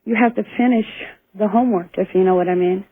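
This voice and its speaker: An American woman from Montana calls in to a radio show and chats casually. She speaks fast with a medium-pitched voice, heard over a thin, dry phone line with no room sound.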